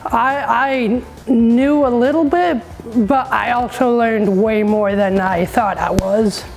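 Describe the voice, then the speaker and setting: A woman's voice: fairly high pitch, takes it slowly, creaky, darkish tone, poor audio. A woman from New Hampshire gives a hesitant testimonial about why she took a course. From Hampton, New Hampshire. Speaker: detailing student. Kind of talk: testimonial interview. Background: faint music.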